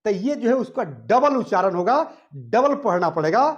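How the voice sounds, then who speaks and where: A man teaching spoken English at a board. He explains slowly, repeats words in pairs, calls his students "beta" and keeps checking that they follow. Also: high-pitched, big pitch swings, muffled recording. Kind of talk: classroom grammar lesson at a board. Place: classroom with a board.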